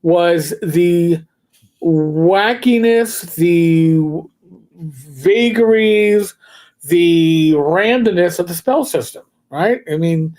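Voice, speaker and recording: A man co-hosts a livestream, chatting casually about tabletop games and telling rambling anecdotes with slow, drawn-out emphasis. His voice is high with a darkish tone.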